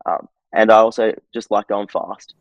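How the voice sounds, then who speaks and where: A man's voice: lowish voice, steady tone, moderate pace, no room sound, dull audio. A young Australian man chatting casually as a podcast guest, laid-back and full of "like" and "um". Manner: laid-back, lots of filler "like" and "um". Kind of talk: casual interview chat.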